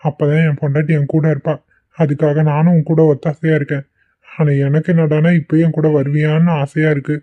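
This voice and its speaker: A man voicing a young husband in an amateur cartoon, gentle and coaxing as he pleads with his wife. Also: fairly high pitch, flat delivery, a little fast, lightly acted. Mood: wistful. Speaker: voice actor. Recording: tinny phone-like recording.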